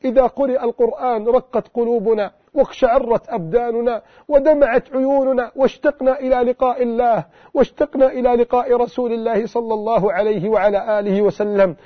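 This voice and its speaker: A man's voice: very high voice, steady tone, fast talker, no echo. A man preaching an emotional sermon and supplication, pleading and repeating his invocations over and over. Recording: tinny phone-like lo-fi audio.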